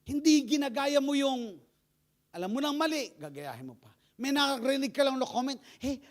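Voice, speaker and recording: High, lively-voiced male pastor. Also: normal speed. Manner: playful, storytelling, often laughing. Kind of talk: live church sermon.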